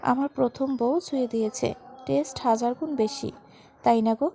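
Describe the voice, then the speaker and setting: A woman's voice: a little high, moderate pace, creaky, warm tone, slight background noise. A woman reading the lines of a playful, teasing young grandson in a storybook tale, with a joking, cheeky manner.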